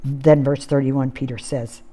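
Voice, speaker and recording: A woman preaching a sermon, acting out the quoted lines and swinging between loud, intense passages and quiet, low ones. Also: unhurried, slightly rough. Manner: expressive, acts out quoted lines with rising and falling intensity.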